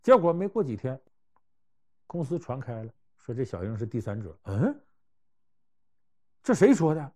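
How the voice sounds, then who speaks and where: A man telling historical and everyday anecdotes to give life advice, conversational and animated, swinging between loud and hushed. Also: medium pitch, normal speed, pauses often. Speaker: storyteller giving life advice. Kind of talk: anecdotal storytelling talk.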